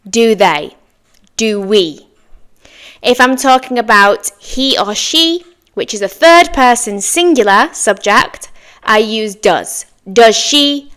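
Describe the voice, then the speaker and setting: A woman's voice: a little high, a bit bright. A woman presenting a scripted English lesson for learners, enunciating carefully and stressing key words in an instructional way.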